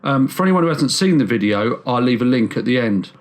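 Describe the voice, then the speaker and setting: A man hosting a true crime channel, telling a case as a measured scripted narration with slow emphatic stresses. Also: medium pitch, lively intonation.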